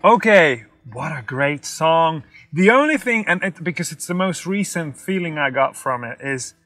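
A young man, a non-native English speaker, giving casual, expressive music commentary to camera and haltingly searching for words as he translates his thoughts. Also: on the high side. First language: not English. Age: young adult. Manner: expressive, sings out rhythms in syllables. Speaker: music reaction vlogger. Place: inside a parked car in daylight.

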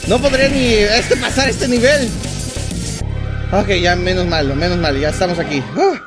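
A young man with a Mexican accent giving excitable let's play commentary, yelping, groaning and talking to viewers. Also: sits high, a little slow. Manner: excitable, yelps and groans often, talks to viewers. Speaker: gaming channel host. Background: loud game music.

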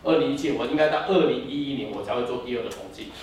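A man in his fifties from Taiwan with a Taiwanese Mandarin accent, preaching an animated sermon and telling stories that slip into Taiwanese. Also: medium pitch, very fast, a little hiss or hum. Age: 50s. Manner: animated, switches into Taiwanese, sings snatches. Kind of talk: sermon with storytelling and singing. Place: church hall. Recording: echoey hall, mic from a distance.

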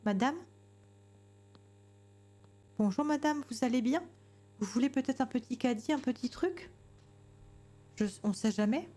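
A woman's voice: high voice, unhurried, long pauses, mellow. A woman streamer giving jumpy, chatty commentary on a horror game, talking to herself and greeting customers politely. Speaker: gamer streamer.

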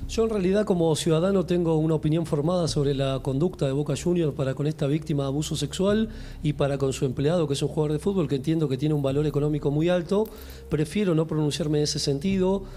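A man working as a lawyer, speaking formally and deliberately in a live TV interview outdoors on a handheld mic. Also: fairly high pitch, warm tone, a little hiss or hum. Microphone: handheld microphone.

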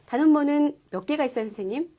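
High-voiced woman teaching a language lesson. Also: animated, fast, mellow. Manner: clear, patient explaining with demonstrated sounds. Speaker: Korean-speaking Chinese language teacher. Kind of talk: scripted lesson presentation.

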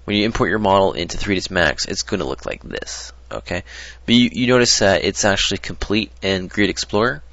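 A man's voice: low voice, fairly quick, few pauses, a bit bright, no room sound. A man talking through a casual screen-recorded modding tutorial, rambling and hesitant with many ums and restarts, on a desktop mic. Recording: dull lo-fi dry mic.

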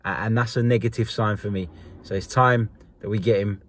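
A man's voice: lowish voice, steady tone. Blunt, frustrated young man in a car. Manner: frustrated, blunt, rapid opinion rant. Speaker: host. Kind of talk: post-match video reaction. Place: dark car at night.

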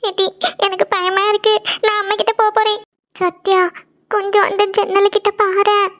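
Squeaky cartoon girls and their scolding big sister, all voiced by one woman, bicker fast and whine. The voice is extremely high, and the sound is dull and lo-fi. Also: completely flat delivery, fairly bright tone. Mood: scared. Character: scared young girls and a scolding older sister.

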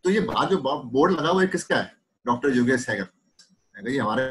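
A man's voice: medium pitch, lively intonation, normal speed, a bit bright, soft background music, poor audio. A man who is a homeopathy doctor and teacher, giving a clinical lecture and explaining his points through patient cases and acted-out dialogues.

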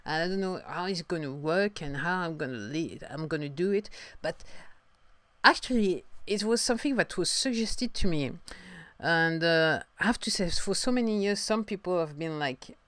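A young adult woman from France with a French accent, talking through a casual podcast monologue in halting sentences full of restarts and fillers. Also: on the low side, expressive, a bit bright, no echo. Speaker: podcast host, singer-songwriter.

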